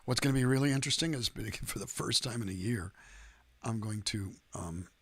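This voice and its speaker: Husky rambling livestream host, a man. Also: on the low side, normal speed, a bit bright. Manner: rambling, self-deprecating joker. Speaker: singer-songwriter hosting a livestream. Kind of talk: casual livestream chat.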